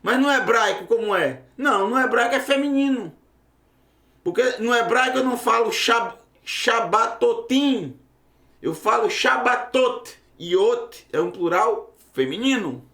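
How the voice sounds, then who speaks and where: A man's voice: very high voice, animated, measured pace, creaky, pushed and bright, reverberant. A man teaching a Hebrew language lesson to his students, emphatic and full of rhetorical questions. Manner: emphatic, rhetorical questions, bursts into raised exclamations.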